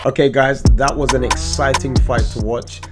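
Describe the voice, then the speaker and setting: A man's voice: mid-range voice, fairly even intonation, normal speed. A man giving a scripted voice-over recap as a video channel host. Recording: loud music under voice-over. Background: music.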